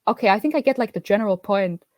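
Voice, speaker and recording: An Austrian woman, a native German speaker, joins a podcast as a guest over video call, her voice lively and high with an Austrian German accent. Bubbly and quick to laugh, she restarts often and fills gaps with fillers. The recording sounds dry, typical of a video call.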